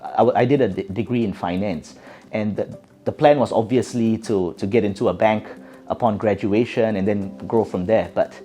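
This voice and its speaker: A man's voice: fairly low pitch, moderate pace, mellow, faint music behind. A middle-aged man from Singapore with a Singaporean English accent, giving thoughtful interview answers with many fillers and restarts. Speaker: guest.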